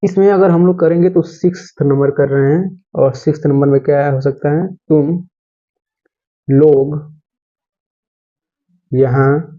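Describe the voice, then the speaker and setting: A man teaching English grammar from Hindi, slowly repeating each phrase and checking in with the listener. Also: fairly high pitch, lo-fi sound.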